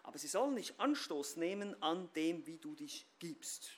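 A man preaching a sermon and speaking straight to his listeners. He swings between loud stressed phrases and quiet low asides. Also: very animated, moderate pace. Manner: addresses listeners directly.

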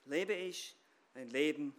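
A man preaching a sermon and speaking straight to his listeners. He swings between loud stressed phrases and quiet low asides. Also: slow pace. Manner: addresses listeners directly.

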